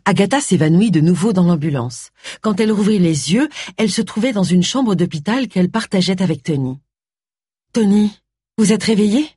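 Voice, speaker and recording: A woman narrating a mystery novel audiobook with expressive storytelling. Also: on the low side, a little fast, slightly rough, no room sound, studio quality.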